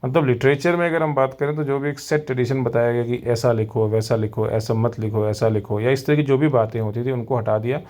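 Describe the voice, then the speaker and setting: A man's voice: medium pitch, steady tone, fairly quick, hardly any pauses, a little mellow. A man with an Indian accent teaching literary terms for an exam, switching between English and Hindi and repeating each point to his learners. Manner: explains, then repeats in Hindi, addresses learners. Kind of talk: exam-prep lecture, mixing English and Hindi.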